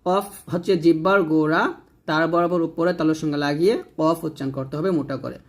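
A man, teaching Quran reading slowly, drawing out each letter name and then explaining how it is said. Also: a little high, steady tone. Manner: drawn-out letter names, then plain explaining. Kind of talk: slow step-by-step recitation lesson.

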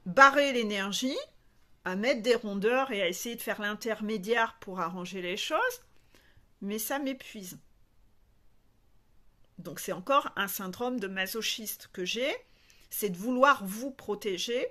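A spiritual coach speaks frankly and animatedly to her viewers in a casual monologue, acting out little scenes as she goes. Her voice is medium in pitch with a sharp tone.

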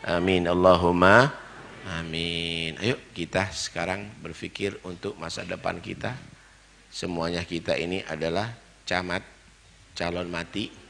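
A man preaching a dawn sermon, stressing his points with rhetorical questions and sudden loud exclamations, and chanting Arabic verses. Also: low-pitched, level tone, measured pace, vocal fry, slight background noise.

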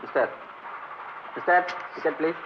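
An actor playing a stern railway ticket inspector who speaks in a brusque, official way, on a dull old film soundtrack with hiss. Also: male voice, fairly high pitch, normal speed, lightly acted.

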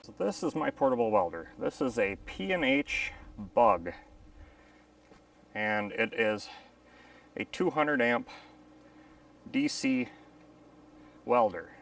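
This locomotive mechanic, a man in his thirties, speaks slowly with a medium-pitched, gravelly, fairly bright voice, big pitch swings and long pauses. He describes repair work in a casual, matter-of-fact technical way full of ums and uhs, and the lapel-mic recording from a machine shop is poor.

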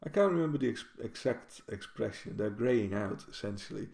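A Dutch university librarian, whose first language is Dutch, talks casually to camera in his home kitchen, rambling and correcting himself with many restarts. His voice is lowish, animated, fairly quick, and a little mellow, with vocal fry. The built-in camera mic sits at desk distance and picks up a roomy kitchen echo.

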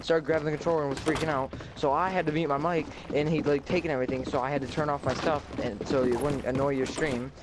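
A man's voice: fairly high pitch, fairly even intonation, fast, hardly any pauses, noisy background. A man explaining himself at length to his gaming friends in a defensive, rambling way. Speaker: teammate. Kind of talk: casual gaming chat.

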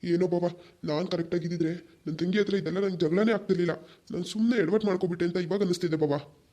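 A man's voice: sits high, steady tone, fast talker, dark tone, lightly acted. A man voicing a regretful older brother who sorrowfully pleads about his estranged sister.

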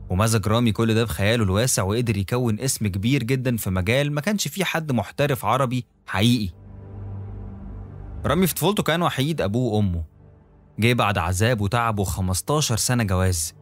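A man with an Egyptian accent narrating a scripted horror story in a steady, dramatic way. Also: medium pitch, fast talker. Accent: Egyptian Arabic. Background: soft background music.

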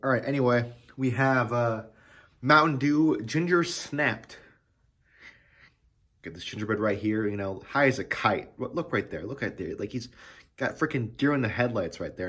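A man giving a casual soda review to the camera, rambling and excitable, with lots of fillers and restarts. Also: fairly low pitch.

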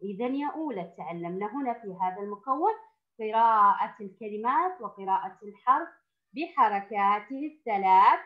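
A woman teaching first graders, who speaks slowly and patiently, stretches out the sounds she teaches and praises the class often. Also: medium pitch, lively intonation, highs cut off. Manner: slow, patient, drawn-out sounds with frequent praise. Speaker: primary school teacher. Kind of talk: recorded classroom lesson for young children.

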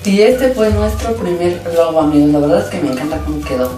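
A woman's voice: fairly low pitch, fast, warm tone. A woman narrating a hands-on craft video as its host, casually, with an enthusiastic sing-song delivery. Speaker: host of a slime craft channel. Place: indoors at a tabletop, hands-only shot. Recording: very echoey room, distant mic, background music. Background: music.

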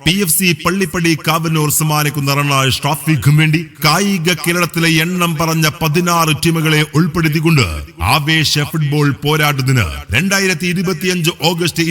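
A man makes a rousing event announcement in a bright, forceful voice. His scripted, grandiloquent delivery rings through long reverb, with music running underneath. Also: a little high. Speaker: announcer for a local football tournament. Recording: long hall reverb over music bed.

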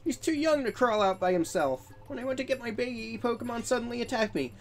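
A gamer doing a frantic high-pitched butterfly mother. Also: fast, natural voice. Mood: panicked. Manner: panicked, lamenting. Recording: faint music behind.

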